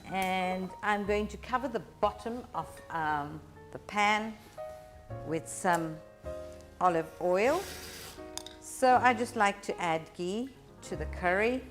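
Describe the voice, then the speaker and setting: A woman presenting a cooking demonstration, explaining each step instructively with frequent pauses. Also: medium pitch, soft background music.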